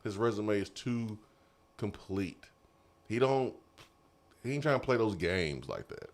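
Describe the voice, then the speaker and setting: A man hosting a casual sports talk show, animated and quick to laugh. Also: on the low side. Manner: animated, laughing, drawn-out emphasis. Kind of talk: casual sports radio chat. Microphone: studio mic.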